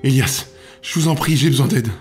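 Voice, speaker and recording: A man's voice: medium pitch, fast, breathy edge, faint music behind, pitched above the performer's own voice, natural voice. A man voicing a panicked young mother who begs breathlessly for help. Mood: frightened. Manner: frantic, pleading, breathless.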